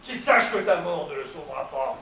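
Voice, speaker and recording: A man playing an anguished, grandiose villain in a verse melodrama, declaiming with dramatic pauses. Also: a little high, expressive, sharp tone. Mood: anguished, vengeful. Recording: roomy, noisy, distant microphone.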